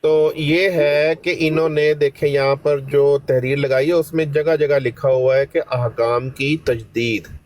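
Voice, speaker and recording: A man's voice: a little high, flat delivery, a little slow, a little mellow, low-quality recording. A man in a religious debate, polite but argumentative, using religious honorifics as he makes his case. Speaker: debate participant.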